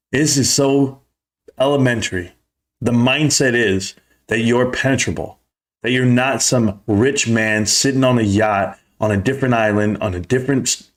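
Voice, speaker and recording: A man delivering an escalating comedic rant to camera as an online commentator, combative, emphatic and taunting, with profanity. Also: on the low side.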